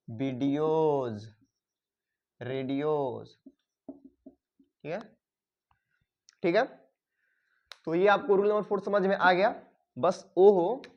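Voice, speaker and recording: ऊँची आवाज़ वाले हिंदी शिक्षक. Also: male voice, high voice, lo-fi sound. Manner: repeats "ठीक है" often, dictates rules slowly. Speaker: English grammar teacher. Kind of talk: classroom-style grammar lesson.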